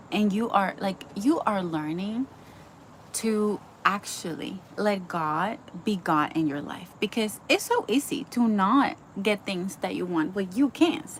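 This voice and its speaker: A young woman from the Dominican Republic, teaching the Bible, delivers a casual devotional with earnest, chatty energy, lots of likes and ums, and frequent restarts. Her medium-pitched voice is expressive and moderately paced, on a rough recording with a little hiss or hum.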